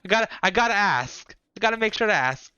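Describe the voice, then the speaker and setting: A man's voice: sits high, lively intonation, brisk, bright, forceful tone, smooth, no room sound. A man chatting casually with viewers while streaming a video game. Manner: chatty, talks to chat viewers. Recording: dull lo-fi stream audio.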